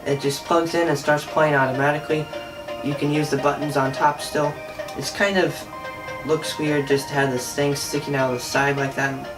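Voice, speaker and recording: Speaking at a moderate pace in a flat, somewhat high voice, this man walks through a product demo off the cuff, hesitating as he chats. He's a product reviewer recorded on a distant mic, with faint music drifting in now and then.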